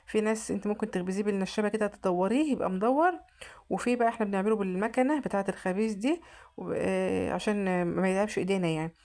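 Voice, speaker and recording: Fast-talking Egyptian woman vlogger. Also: medium pitch, darkish tone. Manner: chatty, repeats and restarts often. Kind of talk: casual cooking narration.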